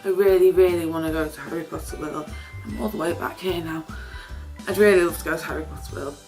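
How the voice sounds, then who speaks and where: Soft music plays behind a British woman with a deep, slightly mellow voice and vocal fry, who talks quickly with fairly even intonation. In her casual get-ready-with-me vlog she rambles off the cuff and makes self-deprecating remarks.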